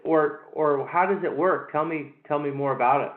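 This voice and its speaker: A man's voice: a little high, fairly even intonation. Hesitant male host on a tinny line. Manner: halting, hesitant, repeats words. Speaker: interview host. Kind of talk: casual interview. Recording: echoey, tinny phone-like line.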